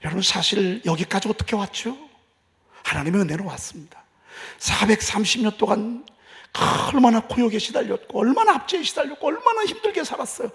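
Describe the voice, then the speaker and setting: A man preaching a sermon as pastor, passionate, moving from hushed talk to loud outbursts. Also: sits high, animated, brisk, vocal fry. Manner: impassioned, swings from hushed to shouting.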